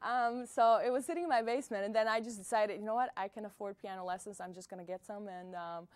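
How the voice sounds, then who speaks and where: In a small music venue, a young Bosnian woman who writes and sings her own songs talks quickly as an interview guest, her medium-pitched voice steady in tone. She remains soft and hesitant, leaning on plenty of fillers, and the recording sounds dry.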